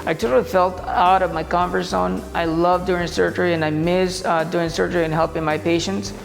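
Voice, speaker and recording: A man's voice: sits high, flat delivery, fairly quick, vocal fry, in a large hall, soft background music. A man from Honduras, an orthopedic surgeon, giving an earnest video address with some fillers.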